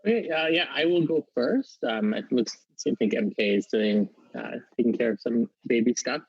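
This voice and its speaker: A man's voice: mid-range voice, normal speed, slightly rough, no echo, muffled recording. A man born in Vietnam speaking reflectively as a podcast guest, hesitant and thoughtful. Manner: reflective, hesitant, many fillers. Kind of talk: casual podcast conversation.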